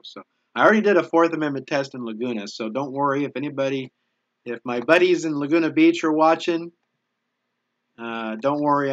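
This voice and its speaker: A man's voice: mid-range voice, fairly bright tone, no room sound, highs cut off. A man chatting casually on a live stream, thanking viewers for donations and often restarting his sentences. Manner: halting, restarts often, easily moved by donations. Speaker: YouTube channel host reading viewer donations.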